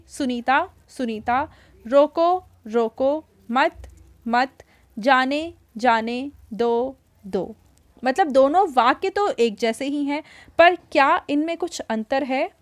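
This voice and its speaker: A woman teacher patiently explaining a worksheet to children, repeating words slowly and checking that they follow. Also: high voice, animated.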